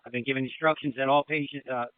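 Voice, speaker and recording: A man acting as incident commander, giving brisk, directive orders over a marine radio channel. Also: medium pitch, fairly even intonation, clear, resonant tone, no room sound, narrow, tinny audio. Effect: marine radio transmission. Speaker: river branch incident commander. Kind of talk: emergency radio dispatch.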